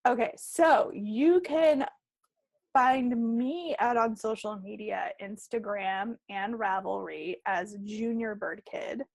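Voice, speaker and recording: Speaking slowly with vocal fry in a mid-range voice, a woman co-hosts a relaxed home podcast over an online call. Her delivery is chatty and playful, and the recording is dry.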